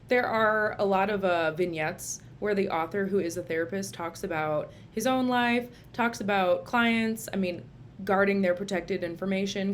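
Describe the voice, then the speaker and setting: Filming at home in the room where she holds telehealth sessions, a Minnesota woman who is a licensed social worker and therapist chats informally through a video book review. Her voice sits mid-range, and there's a faint hiss or hum, and her Minnesota accent comes through.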